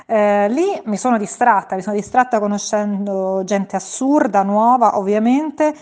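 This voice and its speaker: A woman's voice: mid-range voice, moderate pace, a little mellow. A woman, a podcast co-host replying with casual advice full of fillers. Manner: easygoing, many fillers.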